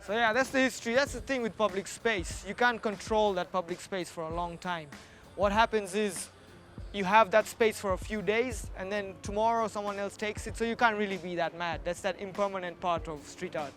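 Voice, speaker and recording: Over soft background music, a man from Kenya speaks at a moderate pace in a high-pitched, steady, slightly bright voice. He is a street artist in a documentary, talking in a relaxed, reflective way during an interview and walk-along and often repeating words for emphasis.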